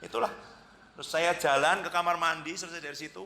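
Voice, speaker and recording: A male pastor with a Central Javanese Indonesian accent tells stories from the pulpit in an easy, chatty way. His voice is bright and ringing, and he jumps up in pitch to act out other people's words. A faint hum of church ambience sits behind him. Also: fast, creaky, long reverb tail. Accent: Indonesian, Central Java. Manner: chatty, anecdotal, acts out quoted voices with lively jumps. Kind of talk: conversational sermon storytelling. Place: church worship hall.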